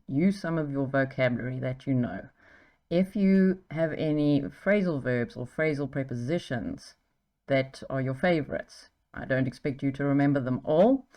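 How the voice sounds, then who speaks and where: An English teacher with a South African accent gives an encouraging lesson on exam tips, checking in with "okay" and "right" as she goes. Her voice is low-pitched with a darkish tone.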